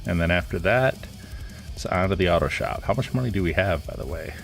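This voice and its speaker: Deep-voiced man, stuffy with a cold. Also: brisk, gravelly, faint music behind. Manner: casual, rambling, relaxed. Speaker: streamer. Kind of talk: live gameplay commentary.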